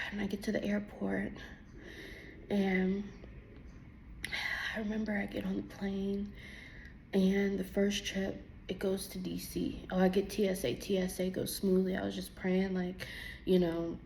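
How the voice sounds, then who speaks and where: A young woman, teary from crying, tells a personal faith testimony in a casual, animated way, acting out her own dialogue. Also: medium pitch, a little slow, creaky, pauses often, slight background noise. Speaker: vlogger giving a testimony.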